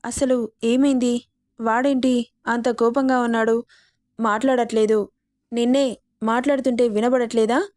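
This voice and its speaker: A woman's voice: a little high, fairly even intonation, unhurried, pauses often, darkish tone, dry recording, studio quality, close to an everyday voice. A woman voicing a protective middle-aged mother who scolds in an indignant way in a storybook reading. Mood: scolding, indignant. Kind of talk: storybook narration.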